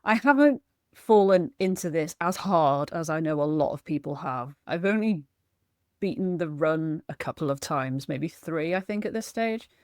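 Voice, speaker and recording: A woman's voice: sits low, dry recording, studio quality. A woman chatting casually about games she played, self-deprecating and laughing often. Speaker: gaming vlogger and streamer. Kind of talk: casual chat reviewing games.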